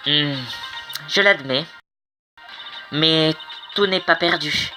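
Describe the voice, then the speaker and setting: A man's voice: fairly high pitch, extremely slow, music in the background. A man putting on a firm female mentor. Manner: firm, coaching. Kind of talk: amateur game voice-over.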